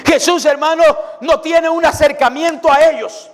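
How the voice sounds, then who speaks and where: A man preaches a fervent sermon in a high, piercing voice, often breaking into shouts of praise. His voice rings through a church hall with a long reverb. Soft music plays faintly behind him. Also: moderate pace. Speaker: pastor.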